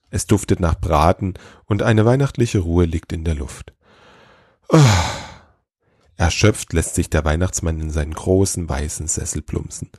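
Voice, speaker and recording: A man narrating a story in a measured, scripted storytelling manner. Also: low-pitched, a little mellow, dry recording, clean studio sound.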